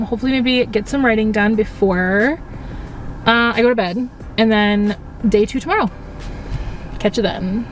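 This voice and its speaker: A woman vlogging casually to a handheld camera outdoors in a city, chatty and wryly sarcastic. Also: medium pitch. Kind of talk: casual vlog narration to camera. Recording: noisy outdoor city street.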